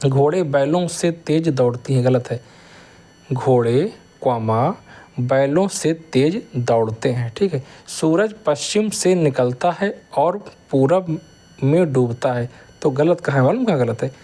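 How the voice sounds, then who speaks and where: A man teaching grammar, reading each sentence aloud slowly and then explaining the correction in quick bursts. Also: medium pitch, lively intonation, dark tone.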